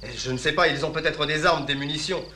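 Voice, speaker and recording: An anxious, officious lieutenant; bright, slightly raised voice. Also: male voice, a little high, quick pace, a little hiss or hum. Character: nervous male colonial lieutenant, easily flustered. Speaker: army lieutenant. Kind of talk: film drama acting.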